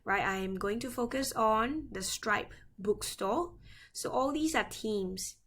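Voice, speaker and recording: A woman's voice: a little high, slow pace, a bit bright. Woman with a slightly off, recovering voice. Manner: explanatory, uses "right?" and "um" often. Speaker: tutorial presenter. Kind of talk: screen-share software tutorial.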